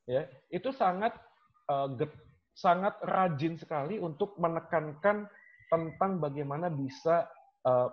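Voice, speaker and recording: A man, a university lecturer and guest, telling stories in a casual, animated way and dropping in English phrases. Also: on the high side, narrow, tinny audio. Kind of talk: casual conversational storytelling.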